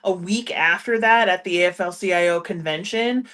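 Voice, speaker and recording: A woman's voice: fairly low pitch, moderate pace, a bit bright. A woman in a casual political chat, speaking earnestly and with emphasis. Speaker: political commentator.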